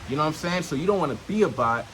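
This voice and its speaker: Outdoors in nature, a self-help vlogger speaks casually and off the cuff to the camera. His voice is a little high, with lively intonation and a racing pace, and there's background noise. He teaches in streetwise slang, swears often, and punctuates his points by checking in with questions to the listener.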